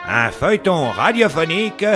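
A man's voice: on the high side, sing-song, moderate pace, over music. A man playing the announcer of a comic radio serial, presenting it in old serial style. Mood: showy, presenting.

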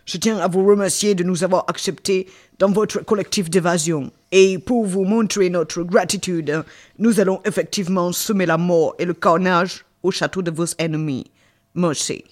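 Actor as high-voiced, courteous psychopathic killer, man. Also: steady tone, normal speed, close to an everyday voice. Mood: grateful, solemn. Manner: formal, speech-making. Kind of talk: comic radio drama acting.

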